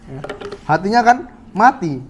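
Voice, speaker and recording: A man's voice: high voice, big pitch swings, unhurried, lo-fi sound, slight background noise. A male Islamic preacher giving a study sermon, asking rhetorical questions and checking in with "ya" as he addresses the brothers. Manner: rhetorical questions, frequent "ya" to the audience.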